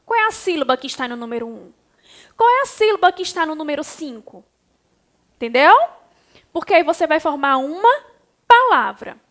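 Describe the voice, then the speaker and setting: A woman's voice: sits high, very animated, moderate pace, pauses often, fairly bright tone. A Brazilian woman teaching a class to young children, speaking patiently and affectionately and guiding them step by step. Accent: Brazilian Portuguese. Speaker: primary school teacher.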